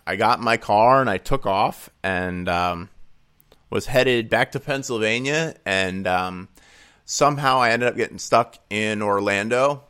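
A young man preaching a sermon, reading scripture aloud and telling his own story in an earnest way, rising loud on key points and dropping low and slow.

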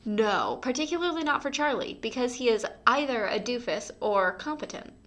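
A woman's voice: a little high, sing-song, moderate pace, a bit bright. A woman co-hosting a casual book podcast, talking in an informal, opinionated, conversational way. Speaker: podcast co-host.

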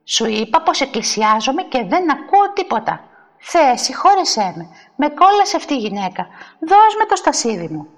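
A woman's voice: sits high, big pitch swings, creaky, few pauses, fairly bright tone, heavily acted. A woman voicing a quarrelsome older woman who scolds and complains indignantly over a church pew. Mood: pleading. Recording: long hall reverb.

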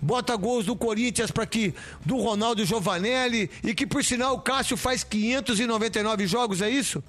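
A man's voice: very high-pitched, normal speed, fairly bright tone. A Brazilian man hosting casual, opinionated chat, blunt and given to rants, repeating words for emphasis.

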